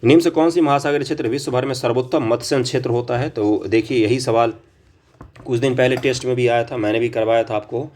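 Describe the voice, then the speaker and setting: Male exam-prep tutor, mid-pitched voice, walks through answers, poses questions to himself and answers. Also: fairly even intonation, fast talker, a little mellow. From India. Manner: explanatory, asks questions and answers them himself. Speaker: exam coaching teacher. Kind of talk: reading and explaining quiz questions.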